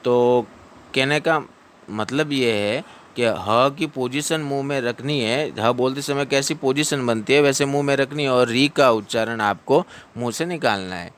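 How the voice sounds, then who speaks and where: A man teaching the pronunciation of Sanskrit verse, repeating words slowly and chanting the lines in a sung melody. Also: mid-range voice, fairly bright tone, slight background noise.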